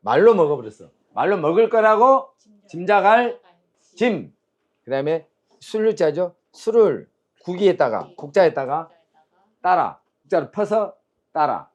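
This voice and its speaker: A man's voice: sits high, very animated, measured pace. A man teaching Chinese characters and tones, quizzing his students and drilling sounds aloud in a call-and-response lecture.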